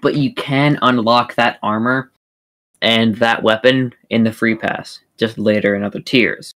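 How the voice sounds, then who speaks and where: A man's voice: medium pitch, steady tone, measured pace, a bit bright. A man co-hosting a casual gaming podcast, laid-back and blunt. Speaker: podcast co-host.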